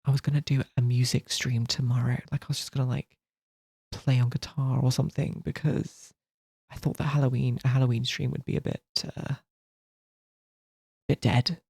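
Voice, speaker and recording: Husky, half-whispering male streamer. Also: mid-range voice, flat delivery, normal speed, dry recording, studio quality. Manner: half-whispered, soft-spoken, rambling with restarts. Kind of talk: casual live-stream chat while carving a pumpkin.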